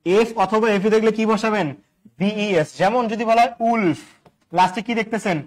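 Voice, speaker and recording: A man's voice: high-pitched, normal speed. A male teacher, giving an exam-prep grammar lesson and quizzing listeners with repeated questions and jokes. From Bangladesh.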